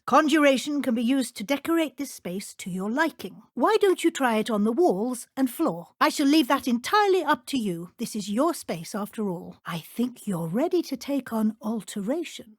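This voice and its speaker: Professor Weasley, brisk higher-voiced British witch teacher. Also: no echo, clean studio sound. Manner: precise, formal, schoolteacherly phrasing. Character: brisk, kindly middle-aged witch professor, a school deputy. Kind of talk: scripted video game dialogue, instructional.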